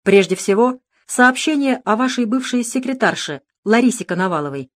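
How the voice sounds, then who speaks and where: A woman voicing a calm, sarcastic middle-aged male detective in an audiobook, speaking in a cool, mocking, unhurried way. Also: a little high, pitched above the performer's own voice, lightly acted. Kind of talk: audiobook character reading.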